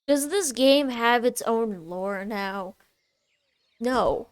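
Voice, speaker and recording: A woman giving casual, excitable commentary while she plays a video game, often squealing with delight. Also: fairly high pitch, extremely slow, clean tone, no echo, faint music behind. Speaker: gameplay streamer.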